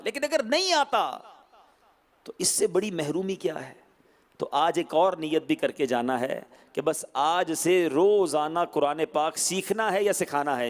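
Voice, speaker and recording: Male preacher, high pitch, exhorting sermon delivery. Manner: exhorting, animated, often rising in pitch.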